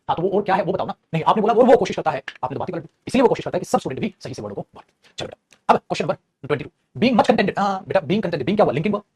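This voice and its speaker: A man teaching English grammar in a fast classroom style, repeating phrases and calling students "beta". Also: sits high, breathy edge.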